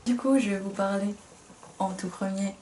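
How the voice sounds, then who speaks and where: A woman's voice: medium pitch, steady tone, moderate pace, mellow, roomy sound. A young woman co-hosting a casual book review, chatty and self-mocking, laughing often.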